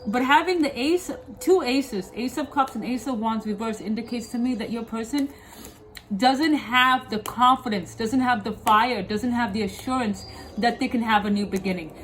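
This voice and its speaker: A woman's voice: a little high, moderate pace, fairly bright tone, a little hiss or hum, low-quality recording. A woman with a slight lisp from wearing dental aligners, giving a tarot reading to viewers in an emphatic, repetitive way, often checking in with her listeners. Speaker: tarot reader, host.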